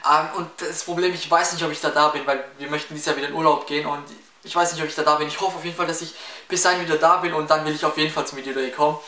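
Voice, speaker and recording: Fielding viewer questions in a casual Q&A vlog, this seventeen-year-old from near Stuttgart, Baden-Württemberg, rambles along in a Swabian accent, restarting often and using plenty of fillers. He talks rapid-fire in a fairly high, steady voice that's bright and forceful. The setting is a small indoor room in front of blinds, with echo and a slightly distant mic.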